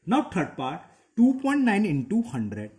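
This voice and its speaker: A man's voice: high-pitched, wildly swooping pitch, unhurried, a little mellow. A man working through textbook maths exercises aloud as a teacher, counting decimal places and checking in with his students.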